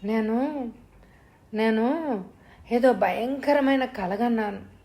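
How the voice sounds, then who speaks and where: A woman voicing a young wife who speaks quietly and wearily and turns curt and stubborn. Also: on the high side, slow pace. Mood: weary. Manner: quiet and weary, then curt.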